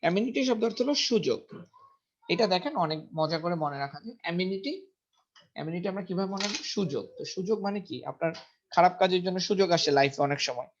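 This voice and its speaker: A man's voice: sits high, animated, fast. A man teaching English vocabulary in a casual lesson, repeating each word several times and checking pronunciation aloud. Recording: dull lo-fi recording.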